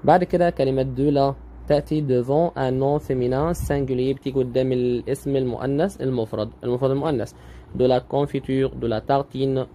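A man with an Egyptian Arabic accent teaching French grammar online, patiently repeating each word slowly. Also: mid-range voice, fairly even intonation, mellow, slight background noise.

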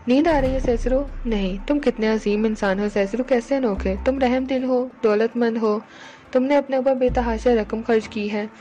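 A woman voicing a doting young woman who speaks softly and admiringly. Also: on the high side, moderate pace, faint music behind, close to an everyday voice. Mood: adoring.

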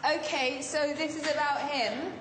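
A woman's voice: high-pitched, unhurried, heavy reverb, in a large hall, noisy background. An actress playing a careless young British woman defending herself to a hurt best friend, in a film drama. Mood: defensive.

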